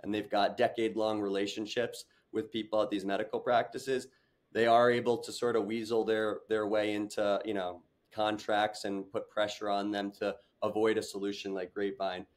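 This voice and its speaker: This is a young adult man's lowish voice, level in tone and moderate in pace. He's a startup founder giving an earnest video call interview from a room at home with a big window, stumbling through many fillers and restarts.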